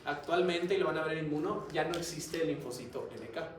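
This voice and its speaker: A man's voice: fairly high pitch, a little fast. A man giving a classroom lecture, chatty and always asking the students questions. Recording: echoey classroom, mic far off, noisy.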